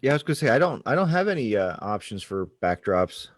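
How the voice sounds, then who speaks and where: A man's voice: medium pitch, very animated, quick pace, dry recording, clean studio sound. A man on a video call, puzzled and chatty about missing settings. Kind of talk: casual video-call chat.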